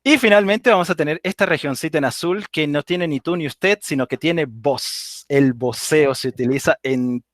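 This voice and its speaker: A man from Venezuela with an Andean accent, giving a relaxed live online talk on dialects and often checking in with "ok?". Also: on the high side, moderate pace, few pauses, no echo, clean studio sound. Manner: explanatory, informal, with frequent "ok?" checks and laughs. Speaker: guest speaker on dialects.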